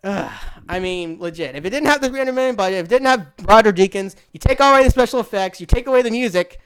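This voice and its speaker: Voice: medium pitch, fast talker, a bit bright, clean tone. A young adult film vlogger giving a casual, heated rant, swearing and repeating points, with short laughs in between.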